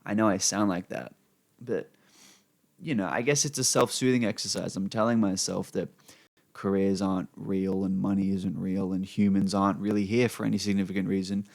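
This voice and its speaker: A man's voice: low-pitched, fairly even intonation, normal speed, creaky, darkish tone, no room sound, clean studio sound. A young Australian man rambling unscripted to camera as a vlogger, swearing freely and filling his talk with "you know" asides, recorded on a desk microphone at his computer. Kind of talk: unplanned rambling monologue. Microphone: desk microphone he sometimes pops.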